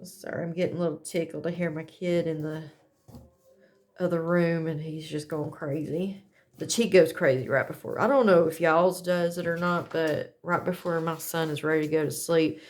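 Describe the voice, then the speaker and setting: A woman chatting casually as she demonstrates a craft setup, talking in a folksy way and correcting herself as she goes. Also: sits low. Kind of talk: casual how-to chat.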